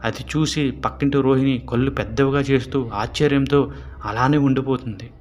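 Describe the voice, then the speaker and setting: A man's voice: medium pitch, fairly even intonation, normal speed, darkish tone, soft background music. Man narrating a horror story.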